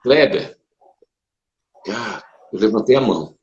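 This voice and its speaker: A man, a Brazilian pastor, telling his conversion story in a casual conversation, animated and emotional, with sudden leaps up in pitch. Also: a little slow. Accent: Brazilian Portuguese. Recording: dull roomy sound.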